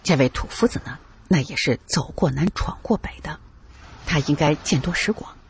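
A man's voice: fairly high pitch, normal speed, slight background noise. A male narrator telling a first-person adventure story in a dramatic, colloquial way.

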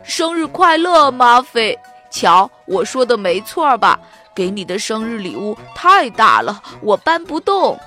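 A woman voicing an eager, cheerful young schoolboy in a children's storybook, with a lively, animated voice. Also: fairly high pitch, unhurried, soft background music. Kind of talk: children's audiobook reading.

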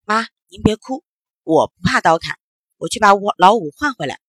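A woman voicing a calm, brave young man who speaks plainly and steadily in a children's story. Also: mid-range voice, moderate pace, slightly rough, dry recording. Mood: reassuring.

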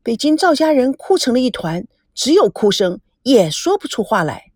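A woman narrating a novel as an audiobook, expressive and voicing the young characters too. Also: a little high, normal speed, dry recording, studio quality.

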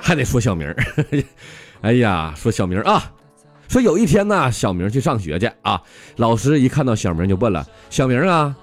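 A man's voice: medium pitch, sing-song, moderate pace, faint music behind. Man telling jokes in a Northeastern accent. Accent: Northeastern Mandarin. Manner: laughs at his own jokes. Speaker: comedy storyteller. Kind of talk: comic joke telling.

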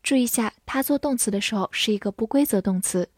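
A young woman with a slightly high, slightly mellow voice teaches English vocabulary in a studio-quality recorded lesson with no room sound. She spells words out letter by letter and reads example sentences slowly and deliberately.

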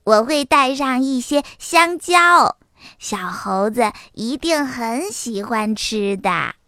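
A woman voicing a bold, eager little boy fox in a children's storybook reading, excited and boastful. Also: a little high, slow, dry recording, studio quality, full character voice.

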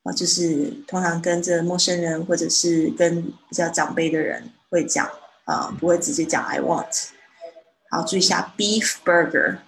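A woman teaching English in a live online lesson, patiently explaining phrases and saying them slowly. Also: on the low side, flat delivery. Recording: roomy sound with faint noise.

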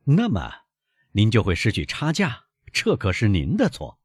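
A man reading aloud, voicing a calm, shrewd young gentleman who teases and bargains. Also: fairly low pitch, moderate pace, slightly rough, no room sound, studio quality, pitched above the performer's own voice, heavily acted. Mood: bargaining. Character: young gentleman, calm, knowing, quick-witted.

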